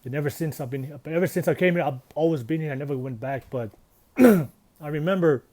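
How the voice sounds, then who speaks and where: A man's voice: a little high, brisk, darkish tone. A man, talking earnestly and reflectively in a casual personal vlog. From Tonga. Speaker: vlogger.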